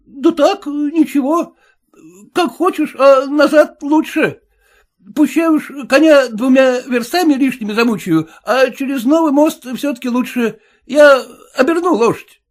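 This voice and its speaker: A man voicing a suspicious, boastful peasant cab driver with a shrill, folksy way of talking. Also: unhurried.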